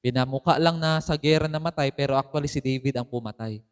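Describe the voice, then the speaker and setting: Preaching in church, this pastor speaks fast in a smooth, mid-range voice. He tells the story with surges of rising emphasis, weaving English phrases into his sermon.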